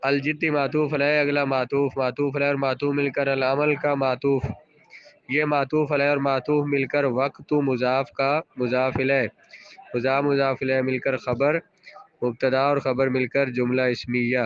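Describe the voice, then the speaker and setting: A man's voice: medium pitch, little pitch movement, clean tone, no echo, dull audio. A male teacher giving a classroom grammar lesson, parsing sentences aloud and patiently quizzing students and repeating their answers.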